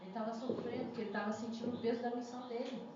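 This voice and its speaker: A woman's voice: fairly high pitch, fairly even intonation, very fast, background noise. A young woman preaching a sermon in a church, chatty and full of questions to the congregation. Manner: conversational, asks the congregation questions. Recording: echoey church hall, muffled lo-fi sound.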